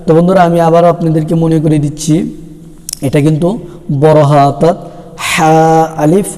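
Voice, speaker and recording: A man teaching a Quran reading lesson, slowly naming and chanting Arabic letters one by one for his viewers. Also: fairly high pitch, in a large hall. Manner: slow, even, drawn-out delivery, letters chanted one by one. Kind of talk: slow step-by-step lesson, reciting Arabic letters.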